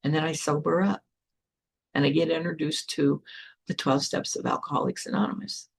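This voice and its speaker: A woman's voice: sits low, fairly even intonation, moderate pace, vocal fry, breathy edge. An older woman hosting a spiritual podcast, telling her own story in a frank, blunt way with some swearing. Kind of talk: candid personal storytelling.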